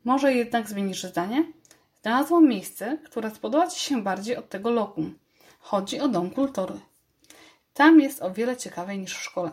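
A woman's voice: a little high, lively intonation, moderate pace, lightly acted. A woman reading a storybook aloud and voicing a firm, bossy, clever schoolgirl. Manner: firm, commanding.

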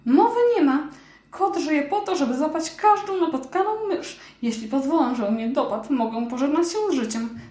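A woman voicing a small, stubborn female mouse who talks high and firm. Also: normal speed, a little mellow, reverberant, natural voice.

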